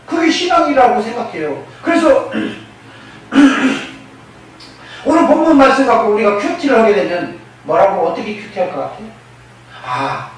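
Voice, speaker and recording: High-voiced preaching pastor in an echoey hall. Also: male voice. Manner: asks the congregation rhetorical questions again and again; acts out quoted speakers in a raised voice. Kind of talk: sermon. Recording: echoey hall, mic at a distance, faint noise.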